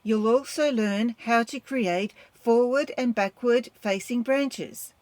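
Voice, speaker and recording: Woman, gentle painting instructor; relaxed, soft-edged tone, close dry sound, tutorial delivery. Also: on the high side, slow pace, no room sound. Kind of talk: step-by-step painting tutorial narration.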